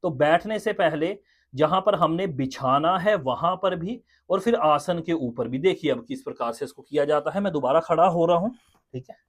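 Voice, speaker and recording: A man with a fairly high voice patiently walks the viewer through a prayer ritual on camera. He talks indoors, seated at his setup. His tone is explanatory, and he often checks that the viewer is following. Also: animated, moderate pace, breathy edge. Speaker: spiritual teacher. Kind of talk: step-by-step ritual demonstration. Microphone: camera in front.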